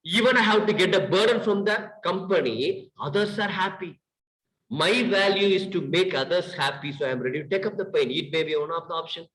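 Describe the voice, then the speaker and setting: A middle-aged man with an Indian English accent teaches a class in a lively, questioning way, stringing points together in long lists. His voice sits fairly high. The room around him echoes noticeably. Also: fairly quick. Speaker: lecturer. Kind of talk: classroom lecture.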